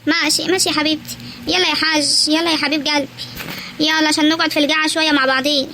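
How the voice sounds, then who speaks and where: A woman voices a coquettish young bride in a countryside cartoon, sweet-talking in a very high, sugary voice with an Egyptian rural accent. The lines go by quickly over a faint hiss. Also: flat delivery, sharp tone. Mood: cooing. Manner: sugary, cooing.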